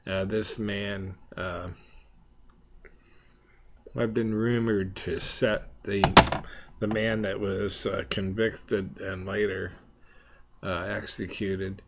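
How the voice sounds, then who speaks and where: Male vlog host, low-pitched and creaky, unhurried rambling delivery with hesitant pauses, slightly muffled sound. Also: flat delivery, very noisy. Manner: halting, hesitant, long pauses. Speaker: host of a pipe smoking chat vlog. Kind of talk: casual rambling chat to viewers.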